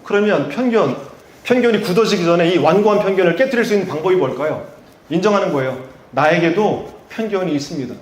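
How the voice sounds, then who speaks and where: A man's voice: sits high, animated, fast, reverberant. A male pastor from Chungcheong with a Chungcheong accent, preaching a sermon and asking the congregation rhetorical questions before rising to emphatic peaks. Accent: Chungcheong Korean. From Chungcheong, Korea.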